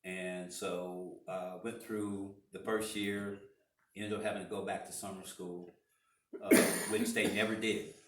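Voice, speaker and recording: Rambling, low-voiced man in his sixties. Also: level tone, measured pace, background noise. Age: 60s. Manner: rambling, with many restarts and fillers. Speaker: interviewee, parishioner. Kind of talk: casual interview storytelling. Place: church room. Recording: echoey room, far from mic.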